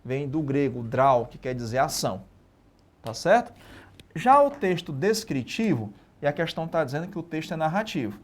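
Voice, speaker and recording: Man, Brazilian Portuguese accent, teacher, live online exam-prep lesson, fairly high voice, lively, frequent tag questions. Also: normal speed.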